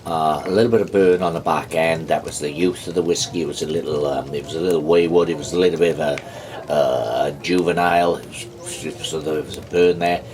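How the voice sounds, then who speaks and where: A man with a very low voice talks through a whisky tasting in a loose, rambling way, stopping and restarting his sentences. A faint hiss sits under the recording. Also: fairly even intonation, a little mellow, poor audio. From United Kingdom. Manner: rambling, halting, with many ums and restarts. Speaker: whisky reviewer. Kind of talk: casual tasting review with a joke told aloud.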